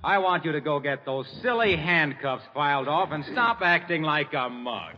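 A man's voice: on the high side, animated, moderate pace, natural voice. A man playing a breezy, teasing announcer in 1940s radio comedy. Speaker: show announcer in character. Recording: dull old radio broadcast with reverb and hiss.

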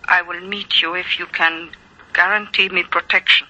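An actor playing a guarded, mysterious informant speaking formally and deliberately over the telephone in a 1940s radio drama. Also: male voice, high voice, little pitch movement, sharp tone, full character voice. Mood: guarded, grave. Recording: tinny, band-limited old radio phone voice.

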